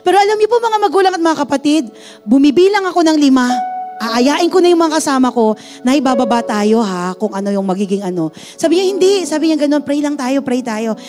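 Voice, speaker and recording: A woman's voice: sits high, lively intonation, fairly quick, music in the background. A woman pastor with a Filipino accent, preaching a sermon and telling a personal testimony, mixing Tagalog and English and acting out the voices she quotes.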